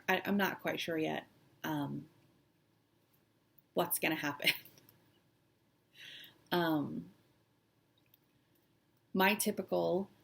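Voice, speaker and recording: A woman vlogger chatting casually and personally, halting and hesitant with long pauses, sounding shaky and close to tears. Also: deep voice, vocal fry, fairly bright tone. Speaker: cross-stitch vlog host. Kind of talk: casual personal chat to camera.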